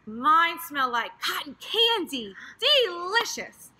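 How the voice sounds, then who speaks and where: Very high, bright woman coaching kids. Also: takes it slowly. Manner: animated, exaggerated, encouraging sing-song delivery. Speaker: children's gymnastics coach. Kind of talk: playful guided exercise lesson for young children. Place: large indoor gymnastics gym. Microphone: camera a few metres away. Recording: faint room noise, camera across gym.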